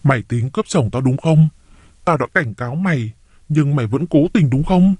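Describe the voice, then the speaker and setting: A man reading a story aloud, voicing an enraged jealous wife who hisses and shouts her accusations. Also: fairly high pitch, expressive, normal speed, slightly rough, no room sound. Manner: hissing, enraged.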